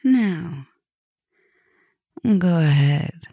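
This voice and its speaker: A woman plays a soft-spoken, dominant female vampire professor in an intimate ASMR roleplay, heavily acted in a low-leaning, animated voice with a gravelly fry. Speaking very slowly, she murmurs with flirtatious, teasing affection. The recording is close-miked and dry.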